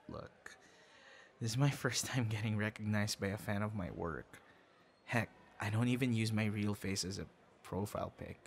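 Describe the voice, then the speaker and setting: An ASMR audio roleplay performer acts in an intimate boyfriend scenario, playing a bashful young man confessing a secret hobby. His fairly low voice is sheepish, halting and flustered yet conversational. Background ambience is clearly audible.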